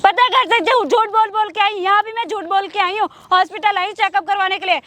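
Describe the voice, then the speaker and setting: Woman doing a desperate young wife, pleading and protesting, very high voice, bright tone. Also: fairly quick. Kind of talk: short-film drama acting.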